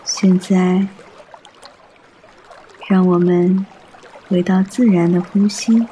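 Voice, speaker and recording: Soft, slow, high-voiced male meditation guide. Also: steady tone, slight background noise. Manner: soft, soothing, unhurried delivery.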